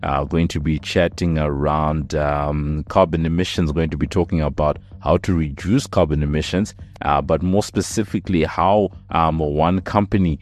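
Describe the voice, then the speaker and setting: A man's voice: very deep voice, darkish tone. A man hosting a business interview podcast, talking with many fillers and restarts. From South Africa. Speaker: podcast host.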